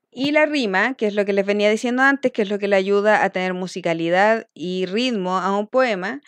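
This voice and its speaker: Smooth-voiced woman teaching a class. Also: mid-range voice, dry recording. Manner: explains step by step, checking in with frequent "¿ya?". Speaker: school language teacher. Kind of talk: recorded online lesson.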